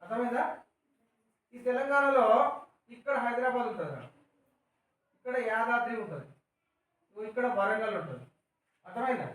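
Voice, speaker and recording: Echoey Telangana teacher, far from mic. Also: male voice, extremely high pitch, animated, normal speed, long pauses, a bit bright. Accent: Telangana Telugu. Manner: patient, explains words and asks questions. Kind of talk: classroom lesson with call-and-response. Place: school classroom.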